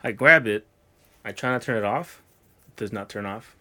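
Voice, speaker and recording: A young man guesting on a casual podcast tells a spooky story at normal speed in a lowish, bright, forceful voice. He's laid-back and profane, drifting into the voices of the people he quotes.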